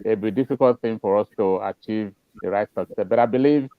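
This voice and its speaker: A man's voice: on the low side, fast talker, no room sound. A man giving an earnest, emphatic opinion as a panelist, heard over a narrow phone-like connection. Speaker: panelist, film industry practitioner. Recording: thin phone-like line, dry.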